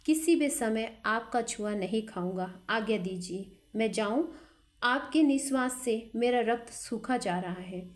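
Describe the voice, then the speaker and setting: A woman voicing a calm, stern young man who refuses firmly in an even tone. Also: a little high, measured pace, natural voice. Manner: calm and firm.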